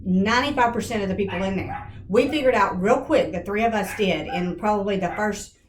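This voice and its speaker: A confident woman speaks matter-of-factly in a casual team meeting, proud of her team. Her voice sits at an ordinary pitch. The room echoes, with faint noise in the background. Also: fairly quick. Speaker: team member.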